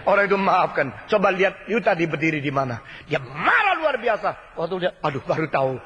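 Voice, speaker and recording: High-voiced preacher in an echoing hall. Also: male voice, big pitch swings, brisk, a bit bright, lo-fi sound, a little hiss or hum. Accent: Indonesian. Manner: dramatic, swings between soaring high cries and low murmurs, acts out quotes. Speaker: pastor. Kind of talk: expository sermon. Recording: long hall reverb, sermon recording.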